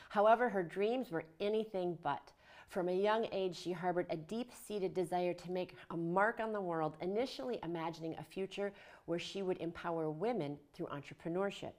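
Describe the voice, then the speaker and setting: A woman's voice: on the low side, a little mellow. A woman hosting a community TV talk show, reading an upbeat introduction and then chatting with her guest. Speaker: show host. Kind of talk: community TV interview.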